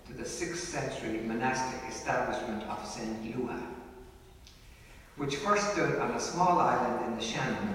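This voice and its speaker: A man's voice: medium pitch, fairly bright tone. An older man from County Clare with a west of Ireland accent, giving an informal local history talk with chatty asides to his listeners. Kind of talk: informal local history talk to an audience, with some recited verse. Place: large reverberant indoor space. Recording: echoey hall, distant mic, faint noise.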